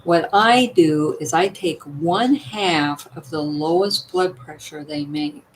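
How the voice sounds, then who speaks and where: A vlogger with a low-sitting, slow voice talks casually and emphatically to viewers at home, offering health tips. She is an older woman whose voice is partly worn and weakened, and she frequently asks "you know what?" The recording is rough, with slight background noise.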